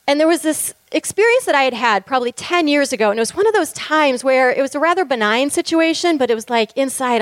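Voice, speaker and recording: A woman's voice: a little high, no echo. A woman co-founder of a ministry telling a church group her story in a candid, heartfelt testimony with light laughter.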